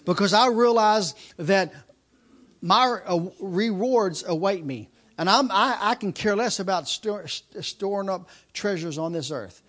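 A man in his fifties preaching a sermon, driving points home with repeated lines and quick restarts. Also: high voice, fairly bright tone. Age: 50s. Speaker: pastor.

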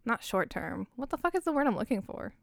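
A young woman from Canada telling a story in casual chat, excited, swearing freely and laughing as she goes. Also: fairly high pitch, a little fast, gravelly, dry recording, studio quality. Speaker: podcast co-host.

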